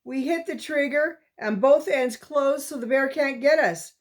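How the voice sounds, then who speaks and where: A woman's voice: high voice, a little slow, voice pushed up. A woman voicing a dazed, scared older boy in a storybook reading, doubtful and protesting.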